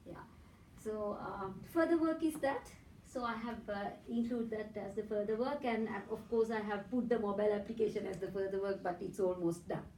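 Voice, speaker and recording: This is a Sri Lankan woman with a Sri Lankan accent and Sinhala as her first language, speaking at a moderate pace in a mid-range, darkish voice. She presents at an academic conference, building her explanation step by step and often checking in with "right?" The hotel conference room sounds echoey, the mic is far away, and there is slight background noise.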